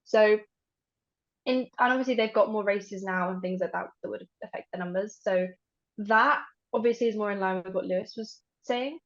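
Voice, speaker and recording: A young woman co-hosting a podcast chats casually, hedging her points and filling gaps with "um." Her medium-pitched voice moves at a normal speed, and the audio is dull and lo-fi.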